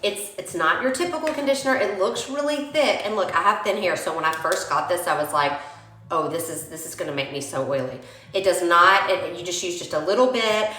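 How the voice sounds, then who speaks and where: A young woman with a cold, sniffling as she goes, gives a chatty hair-care tutorial and speaks to viewers as y'all. The beauty vlogger's lowish voice is animated, brisk, bright, and forceful, and the home recording echoes in a roomy space.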